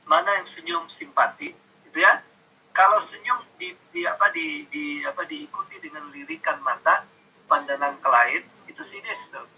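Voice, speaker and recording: A man with a rather high, very bright voice gives an online university lecture. He explains at length, pauses on fillers and acts out example phrasings in different tones. The sound is dull and muffled, like a video call, with a faint hiss behind. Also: gravelly. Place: home, online class.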